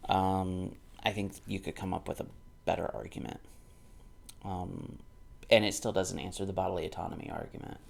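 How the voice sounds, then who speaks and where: He sits low in pitch, with fairly even intonation, a normal speed, and a gravelly texture. In his thirties, he offers casual commentary on a book, alternating read-aloud passages with spontaneous, argumentative responses and repeating points for emphasis.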